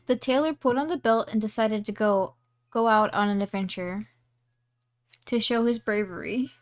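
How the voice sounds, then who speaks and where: A woman's voice: fairly high pitch, a little slow, pauses often. A woman streamer casually reading a storybook aloud, giggling and adding asides on the text.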